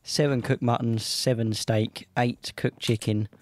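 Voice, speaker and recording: A man's voice: medium pitch, flat delivery, measured pace, no echo. Upbeat man hosting a game stream. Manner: chatty, upbeat, laughs easily. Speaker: gaming channel host. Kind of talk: casual let's-play banter.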